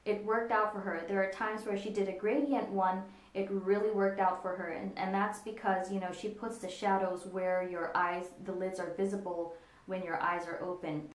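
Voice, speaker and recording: Relaxed woman vlogger in an echoey room. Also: medium pitch, moderate pace. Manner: relaxed, meandering, frequent ums. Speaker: makeup vlogger. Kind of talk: casual makeup tutorial.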